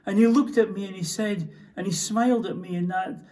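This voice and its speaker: A haunted Scottish soldier, played by a man on stage, speaks in a stage monologue. His voice sits a bit high and carries a Scottish accent. He talks in halting, stammering bursts of emotion. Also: steady tone, warm tone, natural voice. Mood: anguished. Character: Scottish soldier recounting a prisoner's execution, haunted. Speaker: stage actor. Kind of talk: theatrical monologue. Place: theatre stage.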